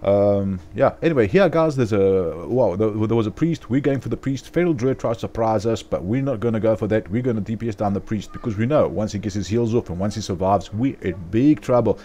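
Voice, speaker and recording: Fast-talking South African gamer. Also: male voice, fairly low pitch, mellow. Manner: chatty, upbeat, lots of "um" and "guys". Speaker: gaming video host. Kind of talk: casual game commentary voiceover.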